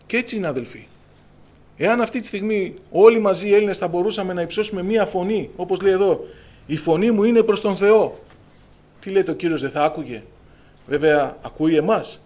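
A man's voice: high voice, a little mellow. A middle-aged man preaching a fervent Pentecostal sermon, raising his voice when he quotes scripture and calling out to his listeners. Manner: fervent, preacher's call-and-response, raises voice on scripture.

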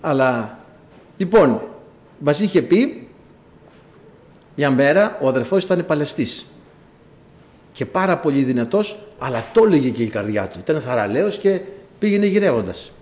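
A man preaching a sermon, telling a story with low asides and sudden high cries. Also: sing-song, pauses often, darkish tone.

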